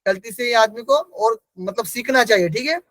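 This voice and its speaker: A man's voice: very high voice, moderate pace, fairly bright tone, no room sound, low-quality recording. A man giving an exam-prep lecture. He asks the class questions, answers them himself and repeats key terms. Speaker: teacher.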